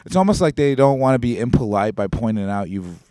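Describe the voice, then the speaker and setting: A man's voice: mid-range voice, fairly quick, no room sound, clean studio sound. A male comedian chatting casually with a co-host, rambling and often checking whether he is understood. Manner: rambling and animated, often asking "you know what I mean". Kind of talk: casual chat.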